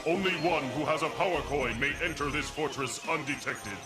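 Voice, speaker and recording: A man's voice: on the high side, natural voice. Zordon, a man playing a solemn ancient mentor. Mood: urgent. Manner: measured, solemn. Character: wise ancient mentor spirit, grave and calm. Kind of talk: 1990s TV action series acting. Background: loud music score.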